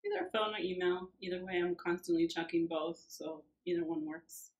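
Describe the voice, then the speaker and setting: A woman in her thirties from Argentina answers interview questions in a small church office, where she works as an administrative assistant. Her voice sits on the low side and moves at a moderate pace, plain and friendly, with filler words. The recording quality is low.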